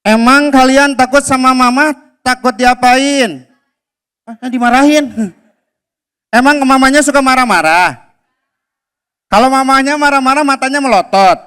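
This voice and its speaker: A playful male storyteller addresses a crowd of children at a school event. He speaks slowly, with a bright, forceful tone and a high voice for a man. He teases the kids with question after question. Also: smooth.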